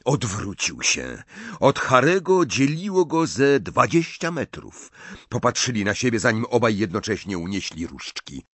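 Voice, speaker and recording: A man reading an audiobook as the narrator, with expressive, deliberate delivery. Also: mid-range voice, no room sound. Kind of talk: scripted dramatic narration.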